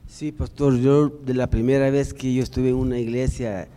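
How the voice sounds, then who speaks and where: Dark-voiced man with a hesitant testimony. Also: mid-range voice, steady tone, normal speed. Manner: hesitant, with fillers. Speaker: church member speaking up. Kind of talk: testimony in class. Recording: echoey church hall.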